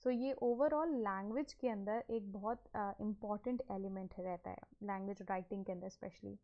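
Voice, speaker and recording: A woman's voice: medium pitch, fairly even intonation, normal speed. Woman teaching, lo-fi sound. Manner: mixes English phrases into Urdu, asks and answers her own questions. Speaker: English teacher. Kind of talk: explaining a slide lesson.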